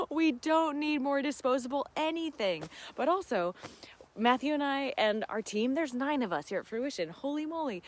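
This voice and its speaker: A woman hosts a casual live Q&A stream for a seed farm, chatting with viewers in an effusive, gushing, giggly way. Her voice sits high with lively intonation at a moderate pace, and there is slight background noise.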